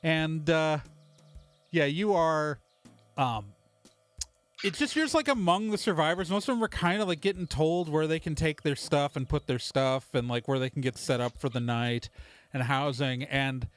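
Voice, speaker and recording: A man running a tabletop game in a somewhat high voice, narrating loosely and often restarting his sentences. Faint music plays under his talk. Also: animated, normal speed. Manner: rambling, full of "like" and restarts. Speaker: game master.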